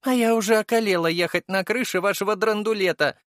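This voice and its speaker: A man's voice: high-pitched, brisk, a bit bright, dry recording, studio quality, voice pushed up. A man reading an audiobook and voicing a teasing, mischievous young noblewoman who mocks playfully and theatrically.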